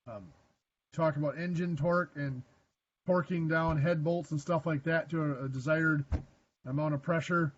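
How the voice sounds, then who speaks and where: Higher-voiced man teaching math in class. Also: steady tone, normal speed, dull audio. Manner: dry joking asides, self-deprecating; asks the class questions. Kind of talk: classroom lecture.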